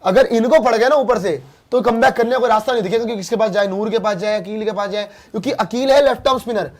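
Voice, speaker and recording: High-voiced opinionated man on cricket. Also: fast. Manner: opinionated, mixes English phrases. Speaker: cricket panelist. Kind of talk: casual cricket preview chat.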